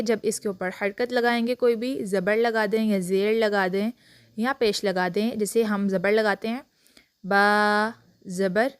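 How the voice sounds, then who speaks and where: A woman, teaching a Quran reading lesson step by step and drawing out letter sounds clearly. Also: mid-range voice, dry recording, studio quality. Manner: slow, drawn-out letter recitation and clear explanation.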